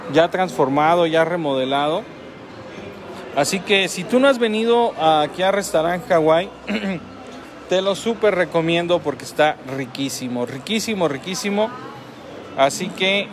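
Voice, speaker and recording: A high-pitched man with a Mexican accent reviews a restaurant meal as a food vlogger, filmed on a phone at a table near a road with a noisy background. He's casual, repeats phrases, and laughs a lot.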